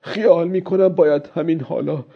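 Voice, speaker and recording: A man's voice: a little high, gravelly, slightly rough, pitched above the performer's own voice. A man voicing a weary, stubborn old male fisherman who talks to himself in a strained, pleading way, on a dull lo-fi recording. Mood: weary, musing.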